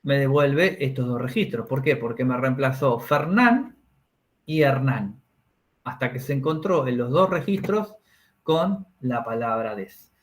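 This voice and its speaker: In this classroom lesson, an animated male teacher speaks at medium pitch and a little slowly. He goes step by step, checking in with students through tag questions.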